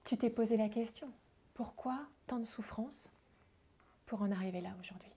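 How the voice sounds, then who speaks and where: A woman hosting a talk show and interviewing her guest in a soft-spoken way, at times nearly whispering. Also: a little high, moderate pace, slightly rough.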